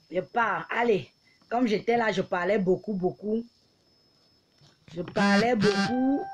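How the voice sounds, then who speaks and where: A woman's voice: mid-range voice, a little hiss or hum. A woman, taunting and mocking her critics in a heated live-stream rant, often laughing. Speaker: livestreamer.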